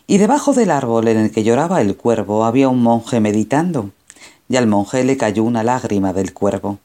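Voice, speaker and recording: A male storyteller reading a fable aloud in a calm, measured voice. His tone is dark and mellow, and his pitch sits at an ordinary middle height. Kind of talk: storybook narration.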